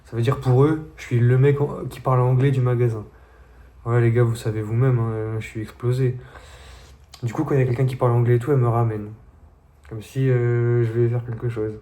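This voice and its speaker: A young vlogger tells his viewers stories in a casual, slangy, laid-back monologue. His mid-range voice has a dark tone and flat delivery, and he talks a little fast.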